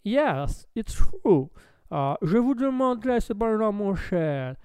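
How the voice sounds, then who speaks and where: Man doing a starchy English lord, prim and polite, smooth voice, dry sound. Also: sits high, animated, unhurried, dark tone, no echo. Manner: stiff, polite, formal.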